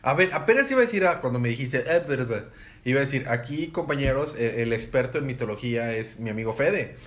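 A man chatting casually about comics, excitable and joking. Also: mid-range voice, quick pace.

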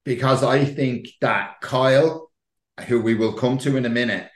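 A man's voice: medium pitch, steady tone, a little slow. Echoey Irish man, emphatic and sweary. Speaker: podcast host. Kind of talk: casual gossip chat. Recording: roomy, echoey sound.

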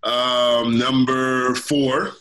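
A man's voice: mid-range voice, little pitch movement, drawn-out words, pushed and bright. A man guest on a podcast, chatting casually and animatedly, laughing often and thinking aloud with fillers. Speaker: podcast guest, hip hop journalist.

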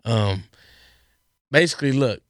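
A young man, a rapper as guest, talking in slangy, animated casual interview chat. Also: measured pace, no room sound, studio quality. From Inglewood, Los Angeles. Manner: animated, slangy, swings between high and low pitch.

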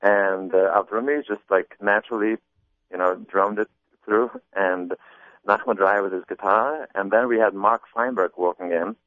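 Halting low-voiced man on a phone line. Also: fairly even intonation, no room sound. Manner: hesitant, many restarts and repeated words. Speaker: comedy album artist. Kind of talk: casual interview talk. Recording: muffled phone-line sound.

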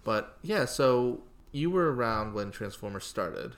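A man's voice: fairly low pitch, lively intonation, a little slow. A man co-hosting a podcast, chatting in an easygoing way, hedging his opinions and asking questions. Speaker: podcast co-host. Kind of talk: casual chat.

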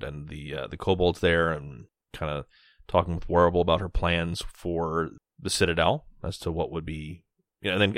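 A man's voice: deep voice, no echo, clean studio sound. A man talking casually as a player in a tabletop role-playing game, hesitant and thinking aloud as he goes.

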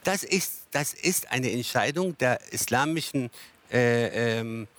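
A man's voice: medium pitch, expressive, a bit bright. A man argues on a television panel in a mid-range voice. He stumbles and restarts often while searching for words. He answers bluntly and keeps cutting back in. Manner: halting, stumbling over words, blunt interjections. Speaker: panel guest. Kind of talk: heated TV panel debate.

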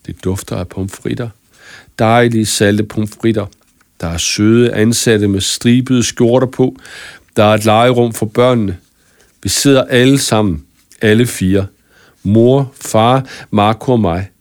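A man's voice: on the low side, fairly even intonation, dry recording, clean studio sound, lightly acted. Man doing a sleepy sick kid, faint little voice, kinda dreamy. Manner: faint, drowsy. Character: sick, dreamy 11-year-old girl.

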